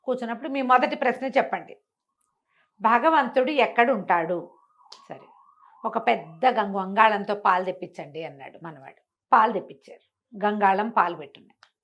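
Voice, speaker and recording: In dull-sounding audio, a woman with a medium-pitched, somewhat bright voice talks at a moderate pace, pausing often. She is expressively telling a moral story aloud, acting out dialogue and leaning on rhetorical questions.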